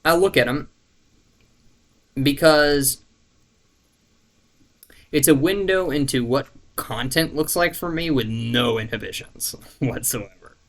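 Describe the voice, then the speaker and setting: A YouTuber with a slightly high voice talks casually to camera, going slowly and pausing often. He rambles and hunts for words, with plenty of fillers, restarts and the odd swear. He isn't a native French speaker and comes across as laid-back and self-deprecating, cursing casually.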